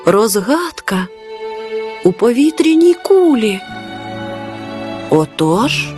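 A woman narrating a children's bedtime story in a soft, tender manner. Her voice is high and gentle, and she speaks to the listener as to a small child. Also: animated, a little slow, faint music behind.

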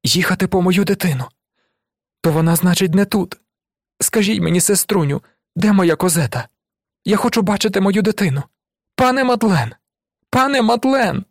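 A man's voice: expressive, normal speed, pauses often, no room sound, studio quality. A man doing a frantic dying young mother. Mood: desperate. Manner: high, pleading cries. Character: frail dying young woman, desperate mother. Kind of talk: audiobook reading.

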